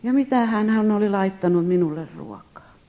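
A woman tells her testimony to a gathered audience, her pitch rising and falling with animation. Her voice is warm and mellow. The recording sounds dull and lo-fi. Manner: lively, addresses listeners directly. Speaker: speaker giving a testimony.

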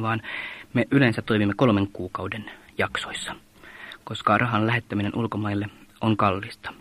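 A man from Finland explains procedures in a measured interview manner. His voice sits a little low. He often pauses with small hesitation sounds before going on. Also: fairly bright tone. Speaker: mission organization leader.

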